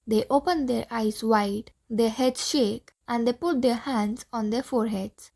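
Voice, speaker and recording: A woman narrating the stage directions of an audiobook play in a clear, steady reading. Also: fairly high pitch, unhurried.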